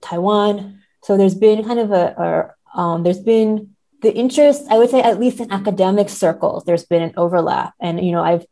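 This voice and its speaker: Speaking at a moderate pace with a mellow, medium-pitched voice and hardly any pauses, a woman discusses literary ideas as a guest on a podcast. Her manner is hesitant and hedging, as if thinking aloud, and she keeps checking for agreement with "right?".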